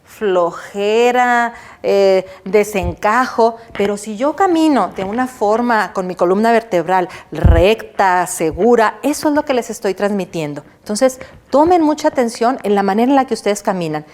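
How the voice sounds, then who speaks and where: A woman's voice: medium pitch, expressive, normal speed, darkish tone. Woman lecturing a class. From Mexico. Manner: didactic, asks the class rhetorical questions and answers them; checks in with the listener by adding "¿sí?". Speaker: university lecturer.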